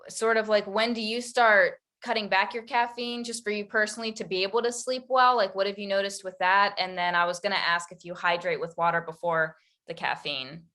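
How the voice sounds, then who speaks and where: A woman's voice: mid-range voice, sharp tone. A woman hosting an interview, talking in a friendly, easygoing way with many fillers. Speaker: podcast host, interviewer. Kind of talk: casual interview chat.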